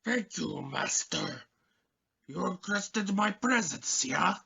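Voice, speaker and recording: In an amateur radio play, a male actor gives a full character voice as a fawning, anxious assassin serving a cult, pleading theatrically and servilely in a strained, raspy tone. His voice is high, very animated and slow, servile yet proud, on a lo-fi recording with a noisy background.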